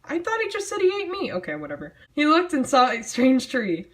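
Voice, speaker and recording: An amateur storyteller reads her own childhood writing aloud in a mock-dramatic, sardonic way, tossing in casual snarky asides. Her high voice moves quickly with huge swings in pitch, and her manner is theatrical and self-mocking.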